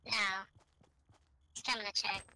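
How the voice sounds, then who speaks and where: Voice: unhurried, pushed and bright, rough recording. A woman streamer chatting casually while gaming, her voice run through a voice changer filter.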